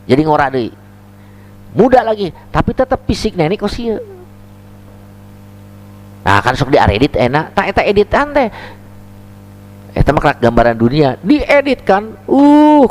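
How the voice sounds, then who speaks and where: A male preacher giving a sermon, telling stories animatedly and acting out their characters. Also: a little high.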